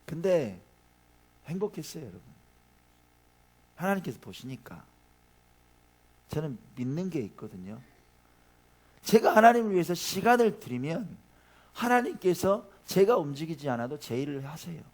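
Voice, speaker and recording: A man's voice: fairly high pitch, moderate pace, long pauses. A man preaching a conversational Sunday sermon as a pastor in a church, asking the congregation questions and telling personal stories. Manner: chatty, addresses the congregation directly with questions; tells personal anecdotes in a lively, informal way. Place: church sanctuary.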